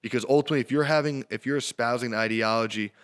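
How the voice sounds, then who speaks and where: Male podcast host, punchy and repetitive in monologue, smooth resonant tone. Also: medium pitch, rapid-fire, fairly bright tone. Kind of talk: political monologue.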